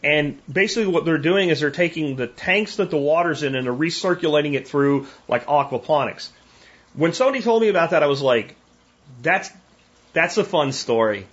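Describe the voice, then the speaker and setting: Man host, casual and opinionated, slightly high voice, dull lo-fi stream audio. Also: animated, a little fast, a bit bright. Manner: folksy, opinionated, with frequent restarts and tag questions. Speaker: homesteading podcast host. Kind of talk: casual live-stream talk answering viewer questions.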